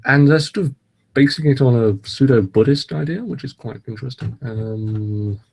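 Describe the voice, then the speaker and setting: Male podcast host, mid-pitched, meandering delivery full of ums and restarts. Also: moderate pace, gravelly, a little mellow. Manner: rambling, hesitant, lots of ums and restarts. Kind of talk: casual chat.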